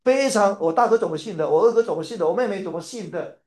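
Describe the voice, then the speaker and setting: A man from Taiwan preaching a sermon, telling a family story in an animated way and repeating his phrases. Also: high voice, fast talker, reverberant.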